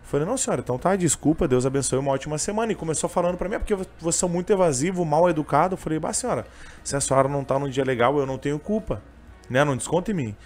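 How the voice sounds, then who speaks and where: A young man with a gaúcho accent talks quickly in a voice pitched a little high. He tells his story in a casual interview, rambling and emotional, with many fillers. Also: animated, darkish tone, faint music behind. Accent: gaúcho Portuguese. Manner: emotional, rambling, full of fillers like "cara" and "bah". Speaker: interviewee, train vendor and singer.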